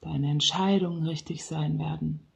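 A relaxation guide speaking softly and slowly, sometimes dropping into a whisper, leading a guided relaxation. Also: mid-range voice, fairly even intonation, gravelly. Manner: slow, soft-spoken, partly whispered.

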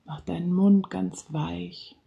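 Slow relaxation guide, soft-spoken, half-whispered at times, gravelly, mellow. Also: mid-range voice, fairly even intonation, dull audio.

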